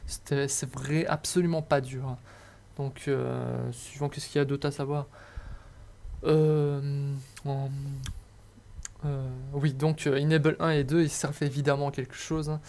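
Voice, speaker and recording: A man's voice: medium pitch, little pitch movement, measured pace, vocal fry, a little mellow. Young man explaining electronics. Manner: hesitant, many fillers and restarts, self-mocking asides. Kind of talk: casual tutorial narration over slides.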